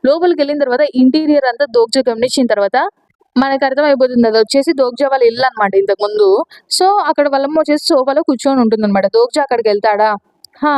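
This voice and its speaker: Woman, Telugu accent, high voice, rapid chatty recap narration, dry close sound. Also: a little mellow, no room sound, poor audio. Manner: quick, chatty retelling with English words mixed in; paraphrases characters' lines in her own voice. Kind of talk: casual spoken recap narration.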